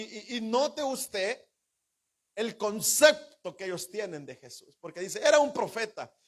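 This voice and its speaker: A pastor preaches in a very high voice. His fervent sermon rises into sudden shouts, then drops to hushed asides.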